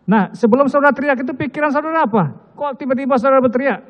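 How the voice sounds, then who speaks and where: A man with a fairly high voice questions a witness quickly as judge, echoing her answers and pressing for detail. The sound is thin and phone-like, with a long hall echo around it. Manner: probing, repeats answers back, presses for detail. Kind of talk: courtroom questioning. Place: courtroom. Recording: echoey hall over a tinny, phone-like line.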